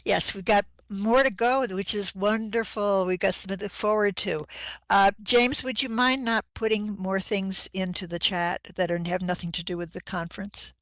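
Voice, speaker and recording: A woman's voice: medium pitch, fairly even intonation, moderate pace, fairly bright tone, dry recording. A woman moderating questions at an online conference over a video call, in a chatty manner.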